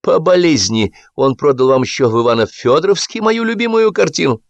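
A man voicing a polite, eager young man who pleads his case, pitched above his own voice. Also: animated, brisk, vocal fry, no echo, dull audio. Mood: pleading.

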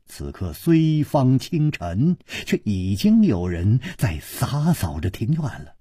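Male storyteller, traditional storytelling, very animated swooping pitch, slow, husky. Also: dry recording, studio quality. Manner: dramatic, lively delivery.

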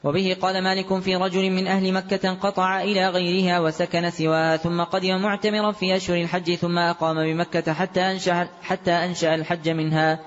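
Sex: man. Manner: fast, flat, high-pitched recitation. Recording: dull, reverberant hall. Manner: rapid, even reading with brief restarts and occasional chanted tones. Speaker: student reading the text aloud. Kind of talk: fast recitation of a classical text.

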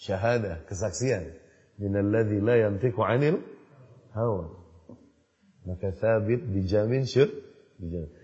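Male preacher, husky voice in a hall. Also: fairly low pitch, unhurried, pauses often. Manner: storytelling, acting out dialogue, rising to loud emphasis. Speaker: Islamic preacher. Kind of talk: sermon. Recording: dull lo-fi recording in a reverberant hall.

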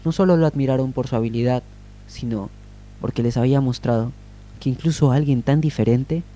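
On a radio program, a mid-range male voice spins an improvised children's tale in a calm, unhurried, gentle manner.

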